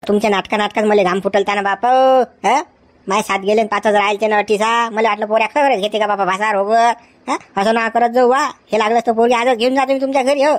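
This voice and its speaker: A woman's voice: mid-range voice, lightly acted. A woman playing a flustered, scolding village uncle. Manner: scolding, excitable, rapid. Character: flustered middle-aged village uncle, the girl's father.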